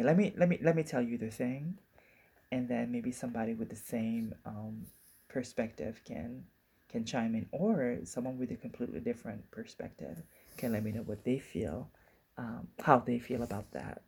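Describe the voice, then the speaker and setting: A woman in her forties talks through a casual solo podcast, thinking aloud and circling back on her points. Her voice is dark and husky with a gravelly edge, and she takes her time. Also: extremely low pitch. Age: 40s. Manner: musing, circling back and restarting thoughts. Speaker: podcast host.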